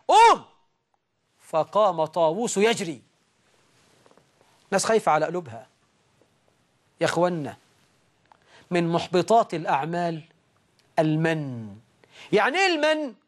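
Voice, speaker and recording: A high-pitched male preacher with an Egyptian accent. He stretches recited passages out slowly, then breaks into sharp, raised exhortations. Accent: Egyptian Arabic. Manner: dramatic swings, slow drawn-out recitation and sudden raised outbursts. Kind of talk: sermon.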